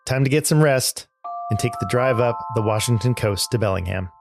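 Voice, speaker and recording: A man narrating his visit to schools as a podcast host, in a measured, reflective storytelling style. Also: medium pitch, gravelly. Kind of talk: scripted narration. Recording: narration over guitar music. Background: guitar music.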